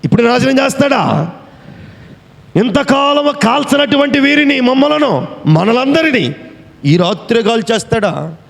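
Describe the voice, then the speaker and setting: Man acting scoffing sons-in-law, sarcastic, high voice, hall reverb. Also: very animated, unhurried, creaky, pauses often, heavily acted. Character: scoffing sons-in-law, mocking adult men.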